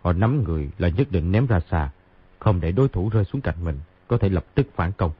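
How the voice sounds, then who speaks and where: A man voicing a calm, proud martial-arts master who speaks in a dismissive, matter-of-fact way. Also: low voice, a little fast, breathy edge, dry recording, highs cut off.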